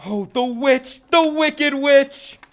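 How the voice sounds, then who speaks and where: A woman's voice: sits high, slow. A teenage girl playing a devoted, emotional tin man in a stage play, earnest and theatrical, on a noisy recording. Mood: urgent. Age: teens. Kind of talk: high school stage play acting.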